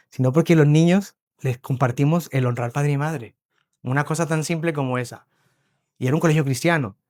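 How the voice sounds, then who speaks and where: Guy preaching, kinda high voice, dry close sound, tells stories and does little voices. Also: dry recording. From Spain. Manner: animated storyteller, acts out voices, checks in with listeners. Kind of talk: sermon with storytelling. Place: church hall.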